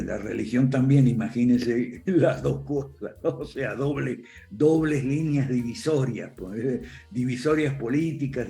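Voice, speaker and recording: Slow older Argentine man lecturing. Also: mid-range voice, dark tone. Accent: Argentine Spanish. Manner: frequent "eh" and "¿ok?" tags, chuckles while talking. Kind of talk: virtual lecture, conversational.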